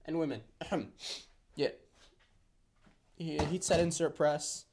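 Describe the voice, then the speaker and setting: Slow and slightly high, with vocal fry and a darkish tone, a man in his early twenties rambles through a casual workshop tour indoors. He jokes at his own expense and exaggerates playfully, and there's slight background noise.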